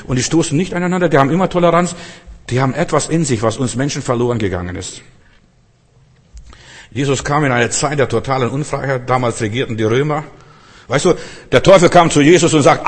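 A man preaching a sermon, emphatic and direct, turning from loud outbursts to soft, low passages and putting questions to his listeners. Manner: addresses listeners directly, often with rhetorical questions. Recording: long hall reverb.

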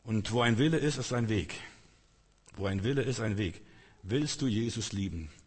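Husky-voiced man preaching in a hall. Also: on the low side, animated, moderate pace, a little mellow. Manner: earnest, coaxing, addresses listener directly. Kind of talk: sermon. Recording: long hall reverb.

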